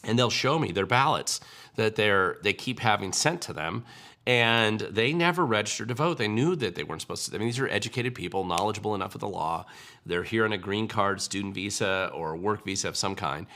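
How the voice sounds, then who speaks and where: A man's voice: lowish voice, bright, forceful tone. A man hosting a political livestream, answering viewer questions in a casual, wry way with frequent ums and restarts.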